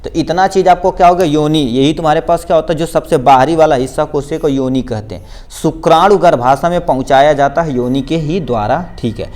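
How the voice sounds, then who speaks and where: A man's voice: on the high side, a little fast, hardly any pauses, a little mellow. A man teaching a school biology lesson, explaining step by step and often checking in with his students. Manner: explains step by step, repeating key points with frequent checks of "theek hai". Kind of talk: class 10 board exam biology lesson.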